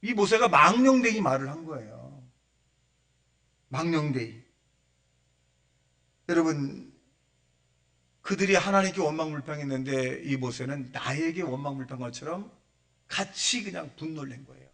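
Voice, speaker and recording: A male pastor delivers a Sunday sermon in a church, his voice set a little high. He acts out the people he quotes and swings from loud bursts to near-whispered asides. He sounds distant from the microphone. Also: normal speed, vocal fry, pauses often. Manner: animated preaching, acting out quoted voices, swings from loud to hushed. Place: church sanctuary.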